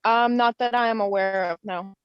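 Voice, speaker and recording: A woman's voice: mid-range voice, fairly even intonation, normal speed, clean tone, no room sound. A woman on a remote video call giving short, hesitant replies, her audio glitching and cutting out. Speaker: tenant at an eviction hearing. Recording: dull lo-fi remote call line.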